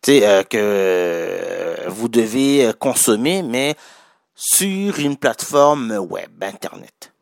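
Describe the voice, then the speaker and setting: A man's voice: fairly low pitch, lively intonation, slow, gravelly, dry recording, studio quality. A man with a Québécois accent giving casual spoken business advice to viewers, chatty and correcting his own wording as he goes. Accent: Québécois French. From Quebec.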